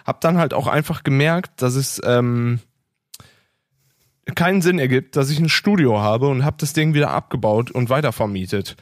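A man's voice: medium pitch, normal speed, dry recording. Man trading dry quips. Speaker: podcast co-host. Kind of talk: casual chat.

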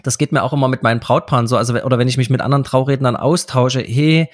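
A mid-pitched man chats in a relaxed, friendly way about his work as a wedding officiant. He often checks in with a quick "right?", and his voice sits close and dry with no room sound. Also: dry recording. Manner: relaxed, chatty, keeps tagging sentences with a questioning "right?". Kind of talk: casual conversation.

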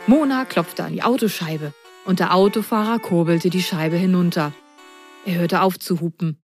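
A woman reading a children's story aloud in a gentle, expressive way. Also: on the low side, normal speed. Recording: dry close voice, faint music.

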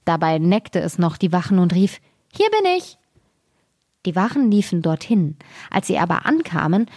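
A woman reading a fairy tale aloud in a calm, measured way as storyteller. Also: lowish voice, no room sound, clean studio sound.

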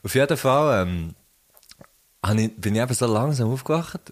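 A man's voice: medium pitch, expressive, moderate pace. A young man with a Swiss German accent co-hosting a podcast in casual chat, loose and jokey, swearing freely and trailing off mid-sentence. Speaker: podcast co-host.

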